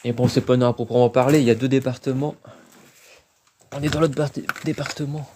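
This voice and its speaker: Mellow-voiced man live-streaming. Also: medium pitch, steady tone, fairly quick, a little hiss or hum. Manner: casual, hesitant, thinking aloud. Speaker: urban explorer live-streaming. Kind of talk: live-stream exploration commentary. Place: outdoors at an abandoned industrial site.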